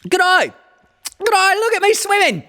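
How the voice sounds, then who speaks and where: A man voicing an excitable little male kangaroo, squeaky and boastful. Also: takes it slowly, exaggerated voice. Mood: excited.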